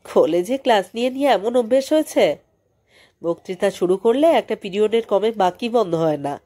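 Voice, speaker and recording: An exasperated wife, put on by a woman narrator scolds impatiently in an audiobook scene. The voice rises higher and louder than the narration but keeps a mellow tone. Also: animated, unhurried. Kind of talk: audiobook character voice.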